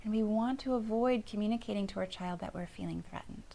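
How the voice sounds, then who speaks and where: A middle-aged woman, a family therapist, giving a calm parenting lesson in a soft, often hushed voice. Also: mid-range voice, fast, gravelly.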